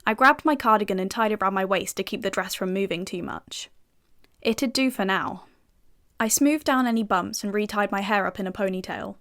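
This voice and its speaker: A woman's voice: mid-range voice, moderate pace, a bit bright, lightly acted. British actress as a cocky young female FBI agent narrating her own audio drama, dry sardonic wit, mid-range voice. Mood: wry. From United Kingdom.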